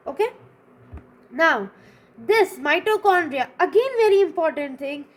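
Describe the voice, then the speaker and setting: A woman's voice: extremely high pitch, animated, unhurried. A woman with an Indian English accent explaining biology step by step, repeating key terms and checking in with "okay?". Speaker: teacher. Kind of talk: online biology lesson.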